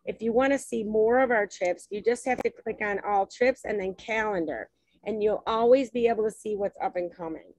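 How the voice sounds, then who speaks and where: Presenting travel packages during a video-call webinar, a woman talks through her shared screen in a chatty way, repeatedly restarting and saying um. She speaks at a moderate pace in a mid-range, slightly mellow voice; the recording is dry and rough.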